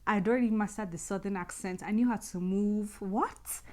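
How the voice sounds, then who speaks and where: A woman hosting her own podcast, telling personal stories in a lively, nostalgic way with many restarts. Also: mid-range voice, fairly quick. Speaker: podcast host. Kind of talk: personal storytelling monologue.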